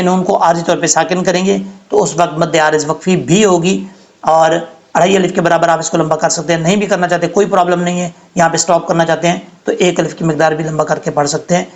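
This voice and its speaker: A man with a high voice teaches recitation, patiently walking through each letter and its sound. His explanations are careful and methodical, like a teacher in a slow lesson. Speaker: Quran tajweed teacher.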